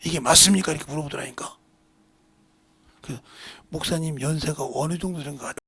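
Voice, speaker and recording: A man in his sixties, a pastor preaching a sermon, who swings between hushed asides and loud emphatic preaching. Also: on the high side, steady tone, brisk. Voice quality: gravelly, husky voice.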